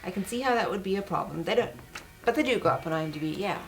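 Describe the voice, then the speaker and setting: A woman's voice: medium pitch, expressive, racing, gravelly, faint music behind. A woman being interviewed as an actress, telling anecdotes casually in an emphatic, playful, self-deprecating way. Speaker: interview guest, working actress.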